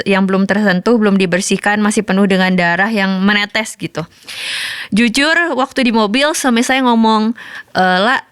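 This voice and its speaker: Woman pastor in her 30s, smooth clear voice, chatty storytelling sermon, dry close sound. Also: mid-range voice, dry recording. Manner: storytelling with lively colloquial asides. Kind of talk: sermon testimony.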